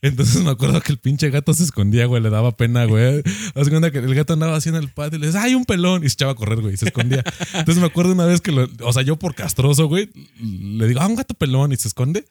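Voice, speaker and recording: A young man with a Mexican accent telling a profane, animated anecdote in casual chat. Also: mid-range voice, racing, no room sound, studio quality. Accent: Mexican Spanish.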